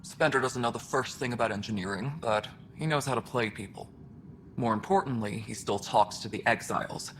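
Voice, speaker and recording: A man voices a blunt engineering chief in a video game who speaks firmly and to the point. His pitch sits in a middle range, with faint noise behind the voice. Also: fairly quick, a bit bright, close to an everyday voice.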